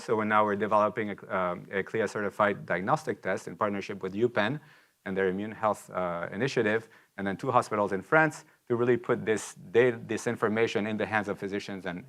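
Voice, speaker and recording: A man giving a rushed startup lightning talk, halting and repeating words as he presents technical material. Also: on the low side, fairly bright tone. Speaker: anesthesiologist.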